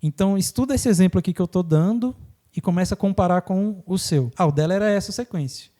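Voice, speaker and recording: A man hosts a casual podcast in a fairly high voice. His tone is mellow and warm. He explains things in an animated way and slips into quick voices when he quotes people. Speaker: podcast host.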